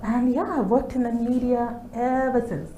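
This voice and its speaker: A woman's voice: on the high side, fairly even intonation, moderate pace. A Ugandan woman in her forties, a guest answering interview questions and laughing now and then. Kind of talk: interview conversation. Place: studio. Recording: echoey studio with faint noise.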